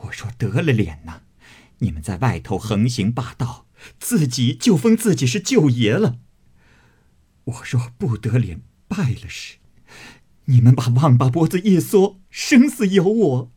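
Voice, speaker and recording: A man's voice: lowish voice, expressive, normal speed, dark tone, breathy edge. A man voicing a proud, fiery young maid who scolds with scorn, in a storybook reading. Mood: furious scolding.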